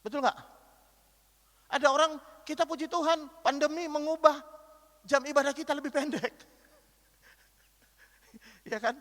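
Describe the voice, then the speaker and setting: A man preaching a sermon, animated, acting out quotes and asking the congregation questions. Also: very high-pitched, a little slow, pauses often. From Indonesia. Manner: lively, animated preaching with acted-out quotes and call-and-response questions. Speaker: pastor. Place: large church hall. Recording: reverberant church hall.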